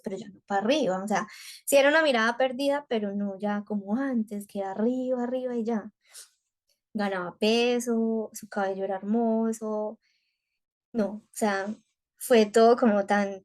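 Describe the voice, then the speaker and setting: A young woman from telling a personal story as a podcast guest, quick and repetitive, often acting out her own thoughts in quotes. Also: mid-range voice. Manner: rapid, repetitive, animated retelling with quoted inner speech. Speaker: guest, mother.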